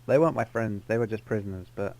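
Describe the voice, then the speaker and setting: This roleplay player tells a rambling, self-correcting tall tale in character over an online game's voice chat. His fairly low, slightly mellow voice moves fast, and the rough recording carries a little hiss or hum.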